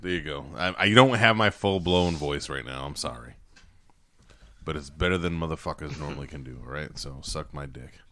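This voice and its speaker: A man's voice: very deep voice, moderate pace, sharp tone. A man co-hosting a music podcast in casual, profanity-laced chat. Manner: profane, loose and rambling. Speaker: podcast co-host.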